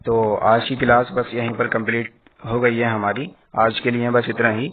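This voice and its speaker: A man teaching Quran reading, stretching each syllable slowly before explaining it at a quicker clip. His voice sits at a middle pitch. The audio is thin and phone-like with a faint hiss underneath. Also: flat delivery. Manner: slow drawn-out syllable spelling, then brisk explaining. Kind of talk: online Quran reading lesson.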